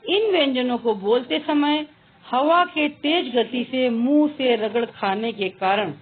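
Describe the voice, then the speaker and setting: A woman teaching a grammar lesson, speaking slowly and deliberately and drawing out each letter sound. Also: on the high side, breathy edge. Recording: tinny phone-like sound.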